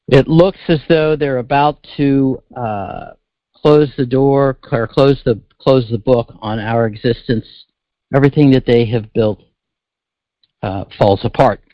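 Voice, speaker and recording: Male radio monologist, mid-pitched, thick-tongued and slurred, halting delivery with folksy asides to the audience. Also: dry recording, lo-fi sound. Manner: halting, with frequent pauses and folksy asides to listeners. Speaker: host of a political broadcast. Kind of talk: solo talk-show monologue.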